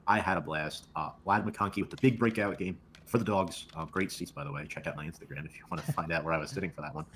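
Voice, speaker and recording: A man's voice: low-pitched, fast, a bit bright, slight background noise. A man co-hosting a casual football talk show, recapping games in a laid-back, offhand way. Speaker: co-host.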